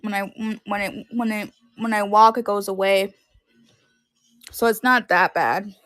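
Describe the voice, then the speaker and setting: A woman's voice: mid-range voice, steady tone, unhurried, fairly bright tone, no echo. Woman, thirties, home live-stream seller; loose rambling chat, dry close recording. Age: 30s. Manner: rambling, heavy use of "like". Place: at home in her room.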